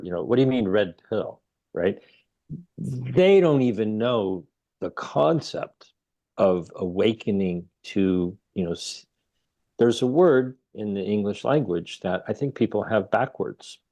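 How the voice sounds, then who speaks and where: A middle-aged man from Ohio, a guest researcher telling stories in a casual interview, animated and emphatic. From Ohio, United States. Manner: animated storyteller, rising to emphatic highs. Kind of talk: casual conversation.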